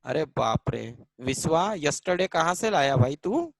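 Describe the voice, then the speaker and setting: A man's voice: fairly high pitch, sing-song, a little slow, gravelly, no room sound, rough recording. A man teaching English grammar in a live online class in Hindi, mixing in English, repeating lines and calling students by name. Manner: switches between Hindi and English mid-sentence.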